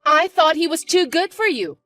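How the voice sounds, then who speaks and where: A woman voicing a spiteful, bossy young stepsister who talks in a shrill, mocking, shouty way. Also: big pitch swings, normal speed, soft background music, exaggerated voice. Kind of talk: chat-story voice acting.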